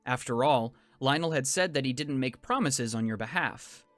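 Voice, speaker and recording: A man narrating a tabletop fantasy game as game master, in measured, descriptive second-person storytelling. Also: medium pitch, expressive, fairly bright tone, no room sound. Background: faint music.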